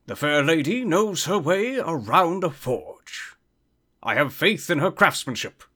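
A proud, stubborn knight clad head to toe in armor, as a man puts him on. He declares everything in lofty, old-fashioned phrases with a bright, ringing tone. His pitch sits fairly high and swoops widely. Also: lively intonation, unhurried, heavily acted. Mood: haughty. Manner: archaic, pompous, solemn speech. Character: stubborn, formal male knight in full armor. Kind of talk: tabletop roleplay in character.

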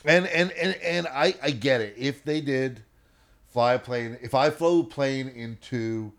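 A man co-hosting a podcast in casual chat, musing and thinking out loud in halting starts. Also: mid-range voice. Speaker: podcast co-host.

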